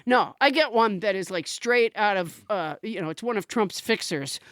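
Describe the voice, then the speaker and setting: A woman comedian hosting a talk show, rambling along and dropping deadpan jokes. Her voice sits in a middle pitch. The sound is close and dry, with no room echo. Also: moderate pace. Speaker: comedian host. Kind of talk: comedy podcast banter.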